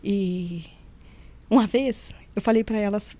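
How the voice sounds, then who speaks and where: Speaking slowly in a mid-range voice, a middle-aged woman recalls past events as an interview guest. A nutritionist and former prison officer, she tells her stories with energy and gives voice to the characters she quotes, all in a casual setting.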